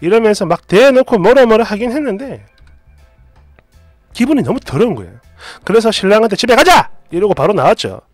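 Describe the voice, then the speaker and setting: A woman's voice: mid-range voice, expressive, a little fast, long pauses, a little mellow, dry recording, soft background music. Chatty woman telling a story. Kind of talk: scripted narration of a reader's story.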